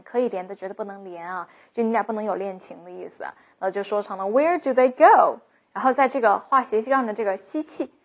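A woman English teacher explaining pronunciation rules briskly and slowing down to model example sentences. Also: mid-range voice. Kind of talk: recorded pronunciation lesson. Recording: muffled lo-fi recording.

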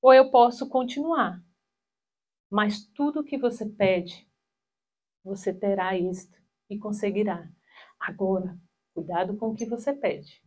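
A woman in her thirties giving a spiritual talk with personal stories on a handheld mic in a small hall, animated and acting out quoted voices. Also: mid-range voice, a little slow, pauses often.

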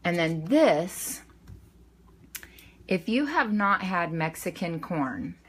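A woman's voice: lowish voice, very animated, takes it slowly, slightly rough. A middle-aged woman casually talking through her packed meals at a kitchen counter, rambling with fillers and self-corrections. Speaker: weight-loss vlogger. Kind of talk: casual meal-prep walkthrough. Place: home kitchen counter, indoors.

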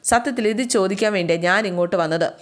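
A woman's voice: mid-range voice, fast talker, close to an everyday voice. A woman voicing an angry young woman who insists and reproaches, in a retold serial story. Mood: reproachful.

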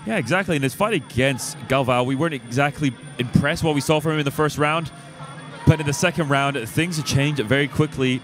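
A man's voice: a little high, brisk, over music. A man giving live sports commentary as a fight commentator.

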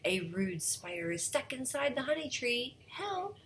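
A woman's voice: high voice, sing-song, a little slow, vocal fry, fairly bright tone, slight background noise, voice pushed up, exaggerated voice. A woman voicing a clever, polite young girl with a sweet, teasing way of talking in a storybook read-aloud.

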